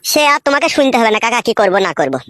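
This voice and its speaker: Woman voicing a village husband, crude, swearing, very fast, high-pitched. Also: sing-song, fairly bright tone, dry recording, studio quality. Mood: wheedling. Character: rough-talking young village husband. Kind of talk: comic skit acting.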